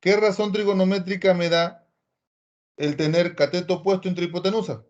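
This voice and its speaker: Lively man teaching trigonometry, lo-fi sound. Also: high-pitched, moderate pace. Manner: lively, acts out imagined student replies; addresses students by name, coaxing. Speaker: math teacher. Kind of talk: online trigonometry class.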